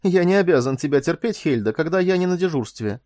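A man voicing a drugged, giggling captive in an audiobook. The voice rises high and loud, weak but full of cheeky glee. It sits close and dry. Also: lively intonation, fast, dry recording, natural voice. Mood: giggly.

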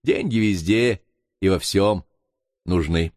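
A proud, self-assured baronet, as a male audiobook narrator voices him, arguing in a low, assured tone. The recording is dry and close. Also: slow, a little mellow, dry recording.

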